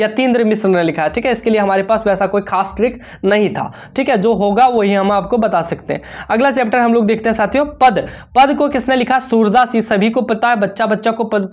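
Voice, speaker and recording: A woman teacher, running an exam revision lesson. She keeps asking questions and answering them herself, repeating the key points. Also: fairly high pitch. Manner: repetitive, asks and answers own questions.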